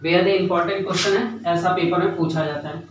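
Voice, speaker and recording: The young man speaks in a high voice, a little fast and with fairly even intonation, as he teaches a grammar lesson, repeating key points and often checking in with students. Slight hiss or hum is present, and the echoey room is picked up by a distant mic.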